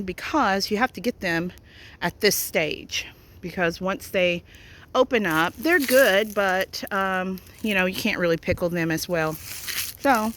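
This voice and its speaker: Slow, chatty woman rambling outdoors. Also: fairly low pitch, fairly bright tone, slight background noise. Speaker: vlogger. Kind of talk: casual outdoor vlog. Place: outdoors in the countryside.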